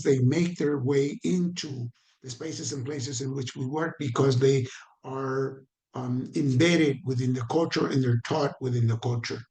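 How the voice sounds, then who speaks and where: In a mid-range, slightly mellow voice, a man with a Caribbean Spanish accent conducts an online training. He stays conversational, directing questions at the audience and repeating himself for emphasis.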